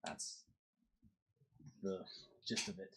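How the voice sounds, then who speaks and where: A young man narrating as game master of a tabletop game, relaxed and rambling, with many fillers. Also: very slow, a little hiss or hum, low-quality recording.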